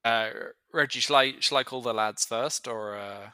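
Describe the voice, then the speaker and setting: A man's voice: mid-range voice, normal speed, bright, forceful tone, clear, resonant tone, no room sound. A man, a player in a tabletop game, talking in a hesitant casual way with many fillers. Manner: hesitant, lots of fillers, laughing asides.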